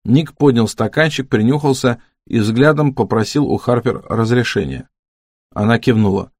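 Brief: male audiobook narrator, measured and steady, mid-pitched, dry studio sound. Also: no echo. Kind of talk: scripted narration.

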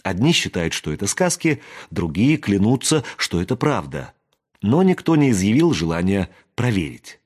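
A man reading an audiobook aloud, voicing a wary young woman who talks in a hushed whisper. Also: on the low side, big pitch swings, moderate pace. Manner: whispering, hushed and matter-of-fact.

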